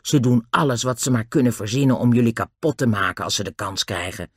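A man's voice: mid-range voice, a little fast, husky, no room sound, clean studio sound. A man doing a timid, anxious circus boy. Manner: nervous, anxious.

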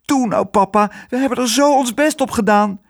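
A man's voice: very high voice, normal speed, pitched above the performer's own voice. A man doing a pleading little girl. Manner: pleading, urgent.

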